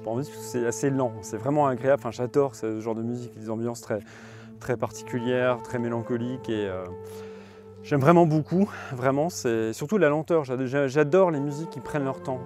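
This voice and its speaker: A man's voice: mid-range voice, a little fast. A young man casually reviewing music albums to a phone camera, thinking aloud with many hesitations. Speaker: vlogger presenting borrowed music albums. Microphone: phone camera on a tripod.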